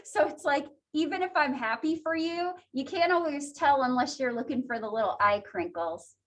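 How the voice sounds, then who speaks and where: A woman's voice: high-pitched, lively intonation, normal speed. A woman teaching a psychology class in a chatty, conversational lecture style, laughing often. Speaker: psychology instructor.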